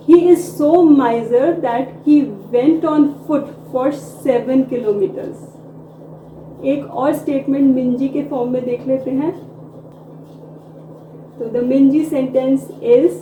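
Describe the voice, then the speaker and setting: A woman teaching vocabulary, speaking deliberately and repeating each key word. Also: sits high. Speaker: English teacher. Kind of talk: vocabulary lesson. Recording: echoey room with steady background noise.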